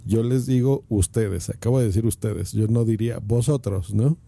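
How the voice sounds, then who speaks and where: A podcast host with a Mexican Spanish accent talks to his listeners directly in a playful, chatty way, recording on a phone in his office. His voice is on the low side and warm, with vocal fry, at a moderate pace.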